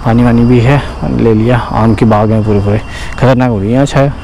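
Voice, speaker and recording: Chatty male rider over loud road noise. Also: medium pitch, steady tone, a little fast. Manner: chatty, admiring the scenery. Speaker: motorcycle travel vlogger. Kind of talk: casual ride commentary. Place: riding a motorbike on a highway.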